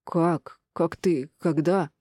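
A woman's voice: low-pitched, steady tone, takes it slowly, dark tone, dry recording, studio quality. A woman voicing an agitated, hot-tempered grown son. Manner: blunt, agitated. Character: hot-tempered adult son, frowning and shocked.

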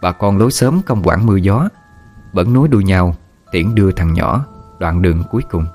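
A man narrating a story in a steady, somber way. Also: deep voice, moderate pace, soft background music. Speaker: audiobook narrator.

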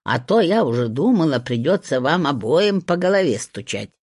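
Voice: medium pitch, big pitch swings, normal speed, a little mellow, breathy edge, no echo, studio quality. A reader voicing a grumpy talking old hut, female, that grumbles and takes offence. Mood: grumbling. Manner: grumbling, indignant.

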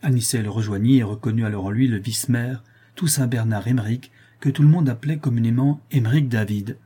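Male audiobook narrator, measured historical storytelling, dark and husky. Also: mid-range voice. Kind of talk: scripted historical novel narration.

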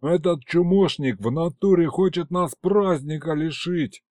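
A man voicing a rowdy, slang-spouting gangster imp warrior in an audiobook, with loud blustering delivery. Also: a little high, big pitch swings, takes it slowly, no echo, exaggerated voice. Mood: whining bluster. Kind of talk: audiobook character voice.

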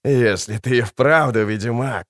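A man's voice: medium pitch, unhurried, a bit bright, dry recording, studio quality, natural voice. A man voicing a menacing, cruel older bounty hunter who growls and sneers his threats for an audiobook. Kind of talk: audiobook character voice.

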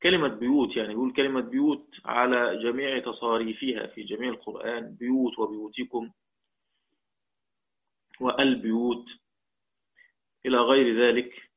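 A man with an Egyptian accent teaching the Quranic readings, drawing out quoted verses slowly and checking in with his listeners. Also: mid-range voice. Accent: Egyptian Arabic. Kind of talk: religious lesson explaining a poem on the readings. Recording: tinny phone-like audio.

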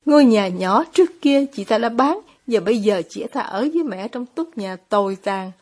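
Woman audiobook narrator, measured and steady, husky, slightly high. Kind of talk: audiobook narration of a classic novel.

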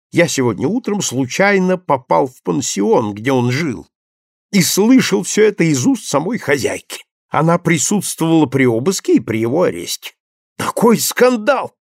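A man reading the part of a self-important older gentleman who tells gossip in a lecturing way. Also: sits high, no echo, studio quality, pitched above the performer's own voice, exaggerated voice. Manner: pompous, lecturing.

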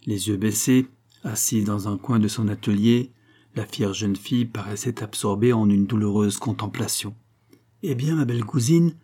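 Dark, husky male audiobook narrator. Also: lowish voice, steady tone, normal speed. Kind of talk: scripted narration of a novel.

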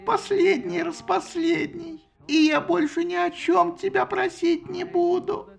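A man's voice: very high-pitched, little pitch movement, a little slow, gravelly, soft background music, voice pushed up, full character voice. Athena, a man doing a shrieking tearful goddess. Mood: shrill wailing. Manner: whining, shrieking pleas.

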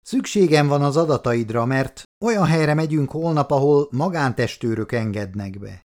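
A man reading an audiobook, voicing a brisk, confident male insurance agent in a slightly raised voice. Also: a little high, expressive, darkish tone, voice pushed up, natural voice. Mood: eager.

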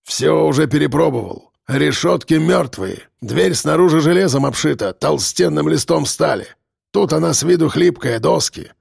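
A man's voice: fairly high pitch, normal speed, vocal fry, a little mellow, breathy edge, no echo, studio quality, heavily acted. A man voicing a short-tempered tough male convict who talks in a curt growl. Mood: sullen.

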